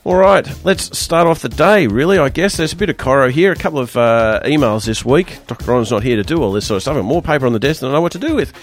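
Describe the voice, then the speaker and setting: An Australian man with a croaky, hoarse voice hosting a radio show in a casual, chatty, joking way. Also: mid-range voice, animated, fast, hardly any pauses, soft background music. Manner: chatty, loose, jokey banter. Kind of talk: casual panel-show presenting.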